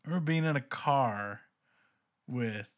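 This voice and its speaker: A man in a casual podcast chat, animated and chatty, filling his talk with "like". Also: mid-range voice, measured pace.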